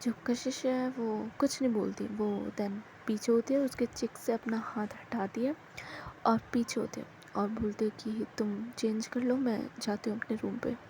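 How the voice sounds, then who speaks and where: Casual female storyteller, fairly high and mellow, relaxed spoken narration with frequent self-corrections. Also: normal speed, slight background noise, low-quality recording. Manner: mixes English words into speech, frequent self-corrections.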